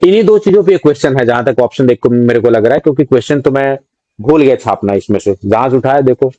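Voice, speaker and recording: Indian guy running a live quiz class, warm low-key tone, no room sound, teases students. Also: expressive, fast, no echo, highs cut off. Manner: quizzing students, mixing English terms into speech; reads out student names and answers, scolds jokingly. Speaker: exam prep teacher.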